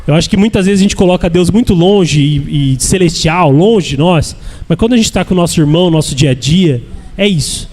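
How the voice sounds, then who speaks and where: Brazilian male church speaker, earnest and repetitive, a bit high-pitched, reverberant hall. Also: fairly quick, darkish tone. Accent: Brazilian Portuguese. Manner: earnest, repetitive, asks "né?" often. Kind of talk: sermon-style teaching. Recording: echoey hall with long reverb.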